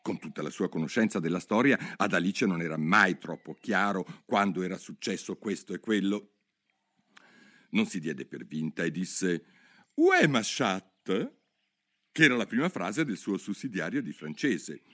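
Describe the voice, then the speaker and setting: A man narrating a children's story aloud in an expressive, animated way. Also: low voice, moderate pace.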